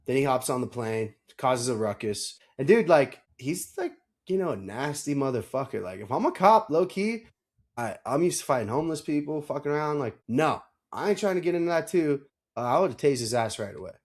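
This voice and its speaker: A man talking sports casually like a frat bro, animated and slangy, with heavy swearing and mimicked voices in his retellings. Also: medium pitch, fairly quick. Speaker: sports podcast host.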